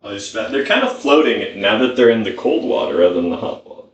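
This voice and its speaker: Low-voiced man, sweary cooking ramble. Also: animated, a little fast, slight background noise. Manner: foul-mouthed, muttering to himself. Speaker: home cook filming himself. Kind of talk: casual rambling cooking chat. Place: indoor kitchen. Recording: roomy, echoey indoor sound.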